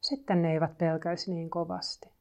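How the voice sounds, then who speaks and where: A woman voicing a fretful, impatient little toad in a storybook, reading its lines aloud and shouting at its seeds. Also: on the low side, flat delivery, lightly acted. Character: fretful impatient toad or frog, small, anxious.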